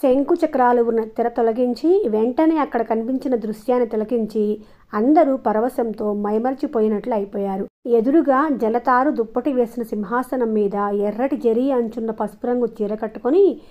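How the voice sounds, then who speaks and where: A woman reads a novel aloud in a steady, even storytelling voice that sits a little high. The recording is dull and lo-fi, with a muffled top end. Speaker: audiobook narrator.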